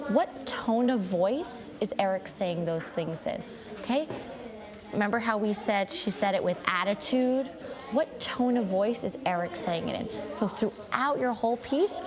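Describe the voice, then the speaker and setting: A woman teaching a fourth grade writing lesson, encouraging and calling students sweetie. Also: a little high. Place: classroom with students around. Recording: chatter of a busy classroom.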